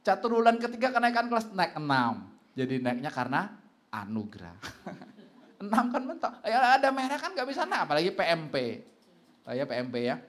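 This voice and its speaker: A man, a pastor preaching a sermon and telling stories with laughter, lifting his voice high when he quotes people. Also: a little fast. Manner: animated storytelling, jumps high for quoted voices; laughs between lines.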